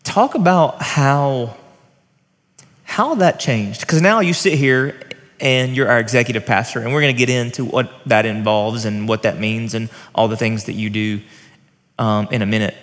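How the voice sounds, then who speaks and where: A man's voice: mid-range voice, normal speed, a bit bright. A man in his thirties, a pastor, interviewing a colleague in a friendly, informal way on a church stage with a headset mic. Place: church stage set with armchairs. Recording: long reverb of a large hall.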